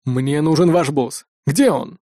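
A man's voice: a little high, unhurried, warm tone, dry recording, clean studio sound, lightly acted. A man voicing a cold, brash male officer who snaps threats and orders. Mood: threatening.

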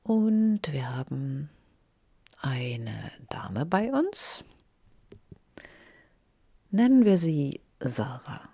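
A woman hosting a radio interview, asking questions in a calm, gentle way. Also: deep voice, extremely slow, gravelly, pauses often, husky, no room sound.

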